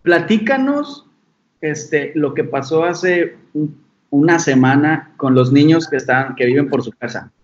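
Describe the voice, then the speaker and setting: A man's voice: a little high, a little slow. Mexican man interviewing casually, muffled sound. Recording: dull lo-fi audio.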